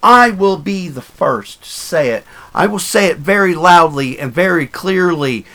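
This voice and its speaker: A man's voice: high-pitched, expressive, unhurried, bright, forceful tone. A man co-hosting a podcast, ranting heatedly and swearing in casual chat. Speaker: podcast co-host.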